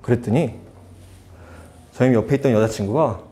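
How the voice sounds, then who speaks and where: Lively young man preaching to teens. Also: fairly high pitch, moderate pace. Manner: chatty, asks the students questions. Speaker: youth ministry teacher. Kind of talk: youth sermon.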